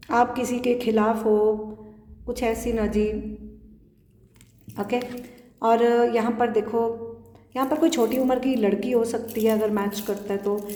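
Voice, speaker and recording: Calm Punjabi-accented woman in echoey room. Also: a little high. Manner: calm, repetitive, mixing Hindi and English. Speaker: tarot reader. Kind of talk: pick-a-card tarot reading. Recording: roomy echo with long reverb.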